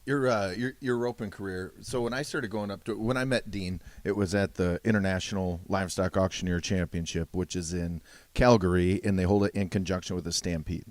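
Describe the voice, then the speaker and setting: A man with a low voice, recorded close and dry, chats as an interviewer. He rambles conversationally, circling and repeating words before landing his point. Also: fairly even intonation, fairly quick, no room sound. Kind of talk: casual interview chat.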